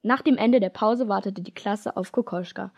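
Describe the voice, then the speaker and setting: A woman from Germany reading aloud a children's story she wrote herself, in a lively storytelling manner. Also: mid-range voice, normal speed, highs cut off. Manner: lively storytelling, switches into character voices. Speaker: author reading her own story.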